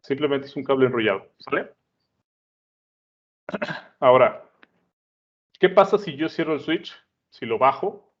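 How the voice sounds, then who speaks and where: A man teaches in a loose, conversational way, regularly checking that his listeners follow. His voice sits at a middle pitch. The recording is dull and lo-fi. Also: lively intonation, a little slow, long pauses. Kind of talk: explaining at a whiteboard. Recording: dull lo-fi sound.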